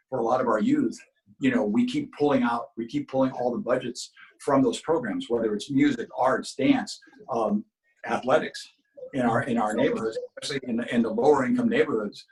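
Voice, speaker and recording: An everyday-pitched voice belongs to a middle-aged man born in Cuba who grew up speaking Spanish. As a guest actor in a casual interview, he tells long stories earnestly and keeps restarting his sentences. The recording is low quality.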